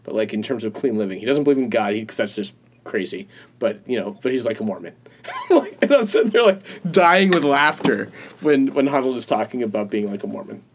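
A man's voice: mid-range voice, sing-song, fairly quick, slight background noise. A man co-hosts a casual podcast, telling stories in a loose, rambling way. He breaks into laughter often. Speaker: podcast co-host. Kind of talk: casual chat.

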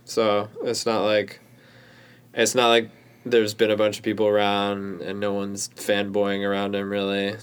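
A man co-hosts a casual podcast. He talks in a relaxed, laid-back way and often answers briefly. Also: fairly low pitch, unhurried, clear, resonant tone. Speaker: podcast co-host. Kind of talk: casual chat.

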